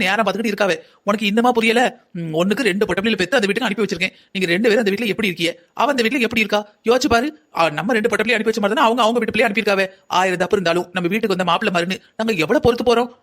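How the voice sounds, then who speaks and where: A man's voice: high-pitched, a bit bright. A man voicing a stern middle-aged mother in a cartoon story who scolds her daughter with rhetorical questions. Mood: scolding.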